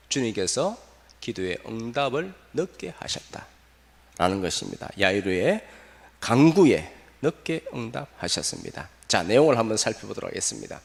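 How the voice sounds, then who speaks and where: Animated male pastor preaching. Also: mid-range voice, vocal fry. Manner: animated preaching, asks the congregation questions. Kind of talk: sermon. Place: church sanctuary. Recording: long reverb of a church hall.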